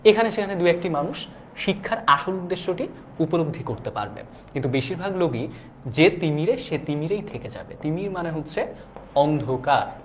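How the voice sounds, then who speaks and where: A man's voice: on the high side, lively intonation, normal speed, a little hiss or hum. A young man teaching a live online class. He talks casually, reads viewer comments aloud and keeps checking whether students follow. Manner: casual and chatty, often asks "do you understand?".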